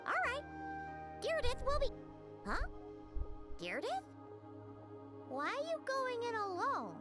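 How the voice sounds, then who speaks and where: A woman voicing a tiny, childlike fairy companion in an anime game, squeaky, sassy and exaggerated. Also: wildly swooping pitch, unhurried, full character voice. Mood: chirpy. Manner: squeaky, sassy, exaggerated third-person talk. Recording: music behind the voice.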